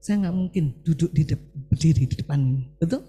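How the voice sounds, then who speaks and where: Speaking briskly in a slightly rough, higher-leaning voice, a middle-aged man preaches with lots of energy. He often questions his listeners directly and keeps calling them "saudara."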